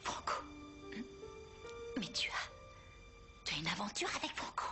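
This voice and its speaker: A woman playing a warm, curious young confidante in a French-dubbed telenovela. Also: medium pitch, sing-song, unhurried. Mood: curious, gentle. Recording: background music under dialogue.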